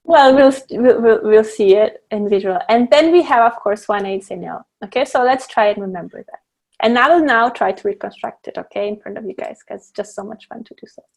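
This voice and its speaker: A woman's voice: on the high side, brisk, gravelly. A woman leads an online class on blending essential oils over a video call. She explains each step patiently, but her sentences stumble, restart and fill up with ums and uhs. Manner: hesitant, with many fillers and restarts, explaining step by step. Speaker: guest presenter teaching essential oil blending. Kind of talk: online teaching demonstration.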